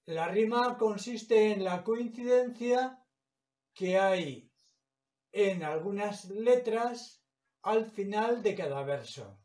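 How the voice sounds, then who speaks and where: Slow, patient teacher with a high voice. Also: male voice, animated, darkish tone. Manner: slow, patient, broken into short phrases. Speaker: primary school teacher. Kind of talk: explaining a lesson. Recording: echoey room, mic far off.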